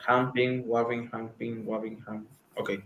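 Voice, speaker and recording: A man's voice: mid-range voice, level tone, slow, a bit bright, lo-fi sound, a little hiss or hum. Man hosting a roomy live Q&A. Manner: conversational, reads out comments, lots of fillers. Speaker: live-stream host answering viewer questions. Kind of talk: live-stream Q&A. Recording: roomy echo.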